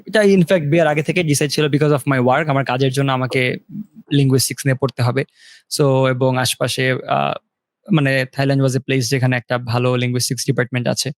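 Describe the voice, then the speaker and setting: A young man co-hosting a casual podcast from a remote call. He talks in a relaxed, halting way, mixes Bengali and English, and uses many fillers. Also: medium pitch, no echo. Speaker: podcast co-host sharing his story.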